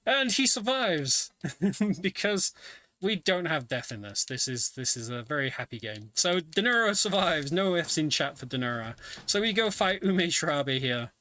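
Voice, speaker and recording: A man with a rather high, bright and forceful voice gives chatty, wry live commentary on his own speedrun, narrating the game's story as he plays. He's at his home setup for a streamed online event, with game music behind him and no echo.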